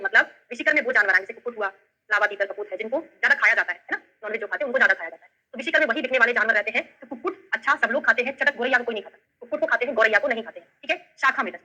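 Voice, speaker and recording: This is an Ayurveda tutor with a Bundelkhandi Hindi accent, whose fairly high, bright voice carries a forceful tone on a low-quality recording. She teaches online using memory tricks, explaining step by step and checking in with her students.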